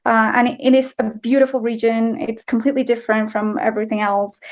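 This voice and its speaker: Guest writer and filmmaker, a young woman from Colombia who speaks Spanish natively, responds to interview questions quickly and casually. Her fairly high voice has little pitch movement and a Colombian accent, and her answers are full of fillers and false starts.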